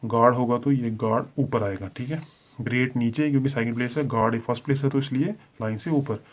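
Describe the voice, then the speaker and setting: In a slightly dull lo-fi recording, a Hindi-accented man with a mid-range voice teaches shorthand at a fairly quick pace. He goes step by step, explaining patiently and repeating "theek hai" (ठीक है) often to check in.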